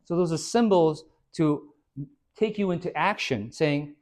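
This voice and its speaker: A man who is a fitness trainer, giving an informal, energetic talk to a small audience. He quizzes the listeners and tags many points with "right?". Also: a little high, measured pace. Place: hair and skin salon, indoors.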